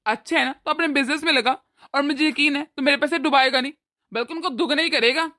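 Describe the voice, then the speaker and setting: A woman voices an older cartoon father-in-law who gently lectures his wife about what went wrong, calm, patient and fatherly. Her high voice stays bright and forward, and the pace is quick.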